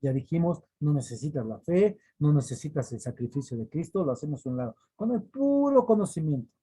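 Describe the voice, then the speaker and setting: A man's voice: mid-range voice, fairly quick, warm tone, slightly rough, low-quality recording. A man preaching a weekly devotional, earnest and repetitive for emphasis, sometimes acting out quoted voices. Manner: earnest, repeats phrases for emphasis. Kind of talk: devotional teaching.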